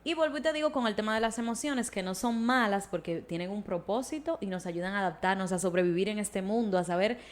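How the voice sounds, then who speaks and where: A woman's voice: medium pitch, quick pace, few pauses. A woman talks things through as a podcast guest. She explains patiently and in detail, now and then slipping into little acted-out quotes. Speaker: psychologist guest. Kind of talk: casual podcast conversation.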